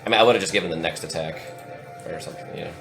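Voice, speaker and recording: Low-voiced man running a tabletop game. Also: very fast, creaky, over music. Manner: relaxed, matter-of-fact rules talk. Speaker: game master.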